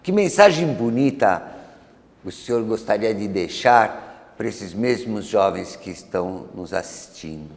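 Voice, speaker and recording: A man's voice: fairly low pitch, animated, a little slow, gravelly. A man with a Brazilian accent hosting an interview, asking questions politely and formally. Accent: Brazilian Portuguese. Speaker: interview host. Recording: distant in a reverberant hall.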